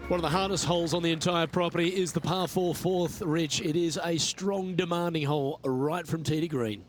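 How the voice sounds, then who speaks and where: A man's voice: fairly high pitch, fairly even intonation, normal speed, soft background music. A man giving golf commentary as the lead announcer of a tournament.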